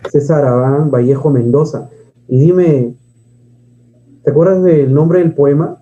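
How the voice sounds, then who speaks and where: Guy teaching grammar, dark mellow voice, quizzes himself, reads poems, muffled lo-fi sound. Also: fairly high pitch, fairly even intonation, a little slow, slight background noise. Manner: asks and answers his own questions, reads poems aloud. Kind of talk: grammar lesson. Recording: dull lo-fi sound.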